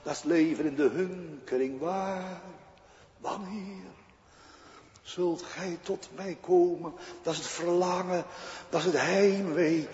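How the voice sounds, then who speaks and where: A man's voice: high voice, takes it slowly, a little mellow. A male pastor preaching a sermon in a church, speaking emphatically and asking rhetorical questions. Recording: dull echoey church recording.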